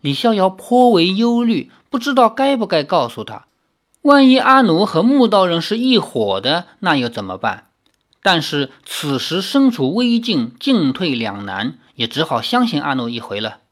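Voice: medium pitch, big pitch swings, normal speed. An audiobook narrator reading a novel dramatically, with casual asides.

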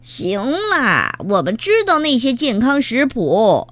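Storybook weasel bandit boss, read by a woman: gloating, sneering, slightly high. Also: huge pitch swings, slow pace, a bit bright, no echo, heavily acted. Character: scheming male weasel bandit chief.

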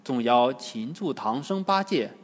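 A man narrating a classic tale in a slow, expressive storytelling manner. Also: medium pitch. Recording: long hall reverb.

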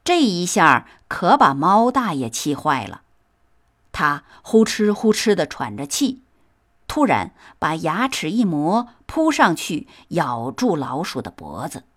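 A woman storyteller slowly and expressively reading a children's fairy tale. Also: on the low side, very animated.

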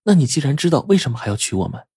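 A man voicing a gentle, earnest young woman who speaks softly. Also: on the low side, moderate pace, slightly rough, no room sound, studio quality. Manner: soft-spoken, earnest.

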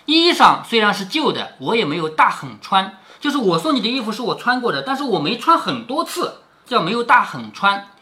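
A man's voice: sits high, big pitch swings, brisk, sharp tone. A man reading a classic novel aloud to his daughter, stopping often to explain it in a chatty way and tossing in tag questions. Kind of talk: storytelling with explanatory commentary.

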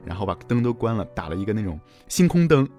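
Low-voiced man telling stories quickly. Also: muffled recording, soft background music. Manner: animated storyteller, laughs often. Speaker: podcast co-host. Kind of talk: casual podcast chat.

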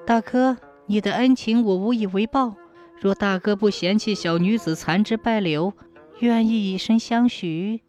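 A woman voicing a sorrowful young female river ghost, speaking haltingly and pleading through tears in a storybook tale. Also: medium pitch, dark tone, soft background music, natural voice. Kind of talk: storybook narration.

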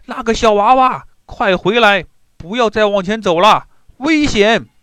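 A man's voice: fairly high pitch, very animated, a little slow, fairly bright tone, no room sound. A man doing an earnest, worried general. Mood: urgent warning. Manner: urgent, earnest.

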